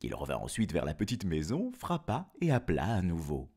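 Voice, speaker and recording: With a low, darkish voice edged with breath, a man narrates a fairy tale fairly quickly, his pitch swinging widely. He's a playful storyteller who cracks jokes mid-story and laughs at his own wordplay.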